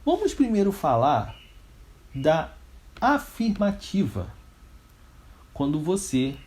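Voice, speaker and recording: A man's voice: fairly high pitch, wildly swooping pitch, takes it slowly, darkish tone. A man with a Brazilian Portuguese accent teaching an English grammar lesson step by step, asking questions and answering them himself. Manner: didactic, step by step.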